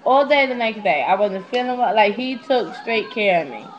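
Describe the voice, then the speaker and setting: Animated and speaking at normal speed in a mid-range voice, a vlogger in her twenties relates personal stories to the webcam with slangy candor and plenty of swearing. The setting is a small indoor room at home, captured by a netbook's built-in mic in dull lo-fi quality.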